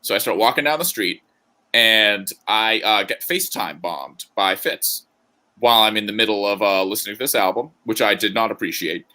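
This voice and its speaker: Low-voiced, bright-toned man joking around. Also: moderate pace. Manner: joking, rambling, laughs often. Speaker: podcast co-host. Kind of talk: casual podcast banter.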